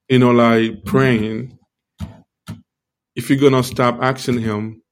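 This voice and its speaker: Troubled by a toothache, this male preacher on a live stream speaks informally and hesitantly in a devotional talk, repeating phrases and favoring a sore tooth and gum. His mid-range voice is a little altered by tongue-led articulation.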